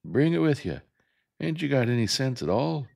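Brief: man playing bossy boy brother, raised pitch, gravelly husky edge, storybook. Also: wildly swooping pitch, normal speed, darkish tone, full character voice. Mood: shouting. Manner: bossy, hollering. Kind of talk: storybook reading.

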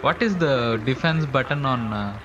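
With expressive delivery at a moderate pace and medium pitch, an Indian gamer streams from his room and chats loosely, boasting in fun. A crowd hums in the background of the cricket game, and the sound is slightly dull with faint game audio.

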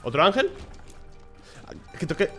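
Guy reacting to his game, bright edgy voice, swears a lot, faint game music behind. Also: high voice, normal speed. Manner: excitable, swears when surprised, talks to himself. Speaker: gameplay streamer. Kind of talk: casual gameplay commentary.

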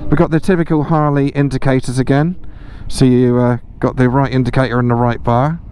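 Male British moto-vlogger, enthusiastic and chatty, mid-pitched, voice enclosed inside a helmet, clear road and wind noise. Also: little pitch movement, brisk, darkish tone. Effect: voice muffled inside a motorcycle helmet. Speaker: motorcycle vlogger. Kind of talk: casual riding commentary. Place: inside a helmet, riding a motorbike outdoors. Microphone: helmet microphone.

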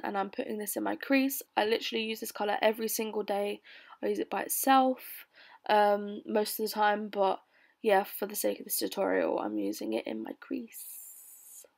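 A young adult British woman giving a casual makeup tutorial voice-over in a bored, low-energy way. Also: vocal fry, a little mellow. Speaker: beauty vlogger. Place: bedroom, voice-over recorded lying on bed.

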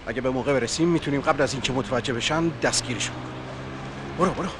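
An actor playing an intelligence officer who gives brisk orders at a mid pitch. Clear noise sits under his voice on an old film soundtrack. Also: close to an everyday voice. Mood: commanding.

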